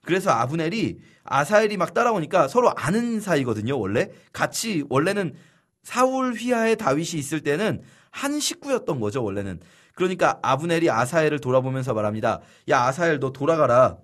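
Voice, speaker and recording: A man teaching a Bible study lesson in a lively storytelling way, acting out the figures' lines. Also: a little high, a little fast.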